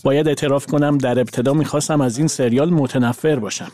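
Guy doing voice-over translation, even and measured, mid-pitch. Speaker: voice-over interpreter.

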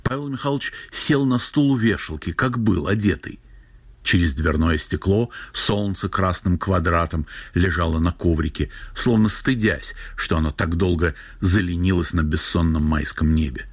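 Low husky male audiobook narrator. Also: moderate pace, no room sound. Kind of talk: audiobook narration of literary prose.

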